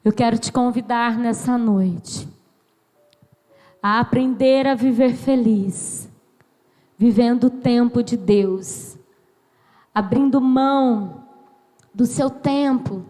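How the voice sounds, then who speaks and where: A woman in her thirties from Brazil preaching a sermon as a pastor, slow and emphatic, acting out dialogue as she tells stories. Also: a little high, mellow. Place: church sanctuary. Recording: long church hall reverb.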